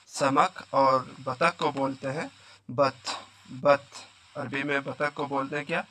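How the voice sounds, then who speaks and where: Bright-voiced man teaching vocabulary. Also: mid-range voice. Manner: repeats each word and quizzes the listener. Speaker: Arabic teacher. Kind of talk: vocabulary lesson.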